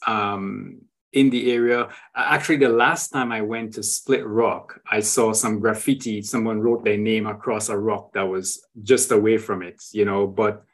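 Man explaining with frequent "right?". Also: lowish voice. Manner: tag questions, frequent restarts. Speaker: guest sharing travel photos. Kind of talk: conversational explanation.

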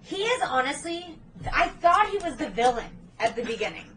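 A woman co-hosting a podcast, recapping a movie in excited casual chat, swearing freely and acting out lines. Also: high voice, normal speed, slight background noise. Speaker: podcast co-host.

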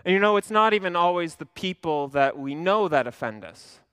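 A young male pastor tells a story from the pulpit, dropping to low mutters and then rising to loud outbursts as he acts out his own thoughts. His voice sits fairly high for a man. The sound is dry and close, with no room echo. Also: expressive, moderate pace, clear, resonant tone. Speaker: lead pastor. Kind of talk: animated sermon storytelling.

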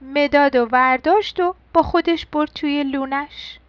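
A woman narrating a bedtime-style children's story, her fairly high voice gentle and affectionate. The recording is dry and a touch dull. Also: no echo.

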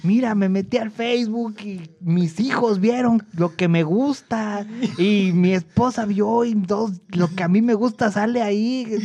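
A Mexican man voicing a short, scared older male coworker who begs for help in a high, whiny voice. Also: a little slow, hardly any pauses, mellow. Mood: pleading.

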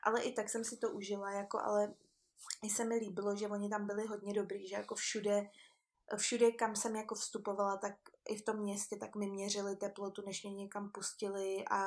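A woman's voice: medium pitch, monotone. A young woman telling a travel story in casual chat, with frequent laughs and lots of fillers. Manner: chatty, laughs often, many fillers. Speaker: guest.

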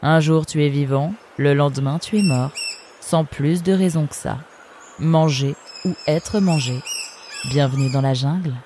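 A woman's voice: sits low, unhurried, mellow, a little hiss or hum. A woman voicing a tall tattooed female fox who talks in a blunt, offhand, cynical way in a storybook.

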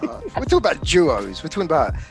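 A man's voice: a little high, wildly swooping pitch, quick pace, soft background music. A man co-hosting a podcast in informal, conversational chat, circling back over his own words. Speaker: podcast co-host. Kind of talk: casual chat.

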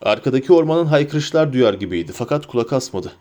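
A man's voice: medium pitch, lively intonation, a little fast, a little mellow. A man narrating a story as an audiobook reader. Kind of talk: scripted narration.

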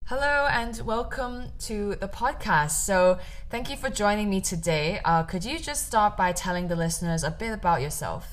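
A woman's voice: mid-range voice, moderate pace. A young woman hosting a podcast, reading an introduction and interviewing a guest. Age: young adult. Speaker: podcast host.

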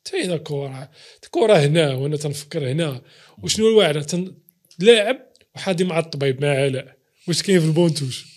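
Fast-talking, higher-voiced Moroccan man. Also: expressive. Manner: acts out quoted dialogue, swears oaths for emphasis. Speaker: interview guest, footballer. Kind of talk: casual, animated personal storytelling.

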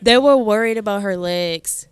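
A woman's voice: mid-range voice, normal speed, smooth. A young woman hosting a podcast, telling a personal story in a casual, chatty way with lots of fillers. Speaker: podcast host. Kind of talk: casual chat.

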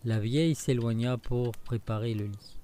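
A man narrating a fairy tale in a steady, even reading. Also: medium pitch, normal speed, slight background noise. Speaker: storyteller. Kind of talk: scripted storybook narration.

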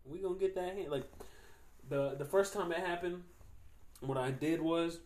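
A man's voice: a little high, normal speed, darkish tone. A young man hosting a podcast, rambling in a slangy, profane casual monologue full of "like". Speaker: podcast host.

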